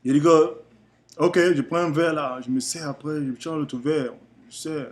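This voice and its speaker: Man, young, Cameroonian French accent, slightly high voice, rambling, animated, casual vlog storytelling. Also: normal speed. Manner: rambling, animated, repeats himself often. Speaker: vlogger.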